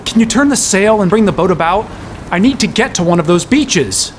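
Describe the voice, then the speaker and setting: A young adult actor with a high voice, lively intonation and a slightly fast delivery plays a sarcastic, exasperated hero narrating his own quest in a fantasy audio drama. His wry first-person narration and dialogue come with slight background noise.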